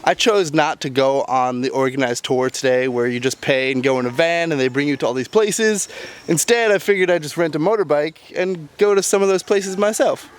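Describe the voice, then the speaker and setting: Speaking straight to his viewers, a young man tours a tropical island in a casual outdoor travel vlog. His voice is fairly high and smooth, and his pace is a little quick. Background music and crowd sounds come through on the outdoor camera audio.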